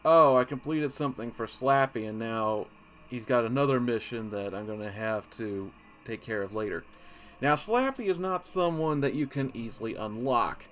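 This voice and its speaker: A man's voice: medium pitch, animated, normal speed, fairly bright tone, a little hiss or hum. Rambling man talking through a game. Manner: rambling, easily distracted, self-interrupting. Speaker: gaming channel host. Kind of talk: casual game walkthrough commentary.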